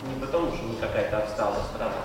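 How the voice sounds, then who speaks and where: A man's voice: mid-range voice, rapid-fire. An older man lecturing medical students at a university in a wry, conversational way, often putting rhetorical questions to them. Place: large lecture room, recorded from far off. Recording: very echoey hall, distant mic, loud noise.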